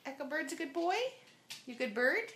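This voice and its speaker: A woman talking baby talk to her pet bird in a coaxing, sing-song way at home, in an echoey room with loud noise. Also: high voice, lively intonation, normal speed. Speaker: pet owner. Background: dogs barking.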